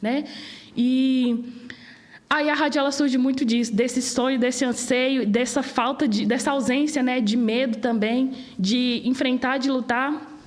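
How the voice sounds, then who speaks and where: Passionate young Brazilian woman, high voice. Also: a little slow. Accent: Brazilian Portuguese. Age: 20s. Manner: passionate, animated argument. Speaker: guest. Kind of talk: interview.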